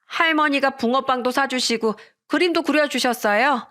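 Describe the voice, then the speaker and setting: Woman doing small cheerful boy, eager chatter, pitched up, radio story. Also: normal speed, fairly bright tone.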